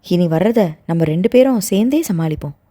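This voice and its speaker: Woman doing a calm, teasing young man. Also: on the low side, moderate pace. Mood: reassuring. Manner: reassuring, teasing.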